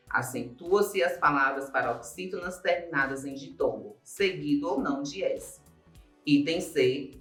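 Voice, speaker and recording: A Brazilian Portuguese-accented man teaches Portuguese grammar in a recording, going step by step at a slow pace, restating key points and stretching out the words he emphasizes. His voice is on the high side and a bit bright. The recording has a roomy echo and faint background music.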